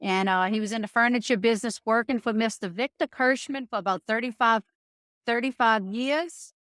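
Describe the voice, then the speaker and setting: A podcast guest who runs a restaurant, this middle-aged New Orleans native speaks in a fairly high, fairly bright voice at a moderate pace. Her local accent colors her chatty, folksy storytelling, recorded at studio quality with no room sound.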